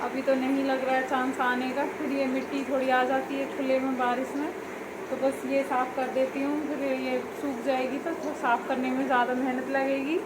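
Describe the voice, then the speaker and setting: A woman's voice: sits high, flat delivery, moderate pace, heavy background noise. A young woman casually chatting to viewers as a vlogging mother, explaining her housework around the house and courtyard. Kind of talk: casual home vlog chat.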